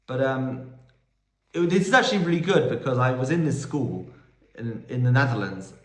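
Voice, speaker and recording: A man's voice: mid-range voice, lively intonation, normal speed. Male host, casual Q&A monologue, chatty storyteller, phone audio with room echo. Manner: chatty, rambling storytelling with quoted dialogue. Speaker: vlog host answering viewer questions. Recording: roomy echo.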